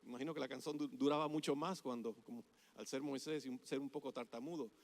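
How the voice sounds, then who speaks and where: A man's voice: mid-range voice, fairly even intonation, fast talker, vocal fry. A male pastor delivering a sermon with emphatic delivery and frequent rhetorical questions, heard in a church sanctuary. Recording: long hall reverb.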